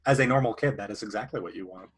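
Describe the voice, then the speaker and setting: A man's voice: lowish voice, racing. A man running a tabletop game as game master, laid-back and a little hesitant.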